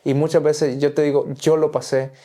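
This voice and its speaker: Guy preaching in a chat, earnest and pushy, kinda dark mellow voice. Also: a little high, level tone, moderate pace. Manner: earnest, exhorting, repetitive phrasing. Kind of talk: preaching in conversation.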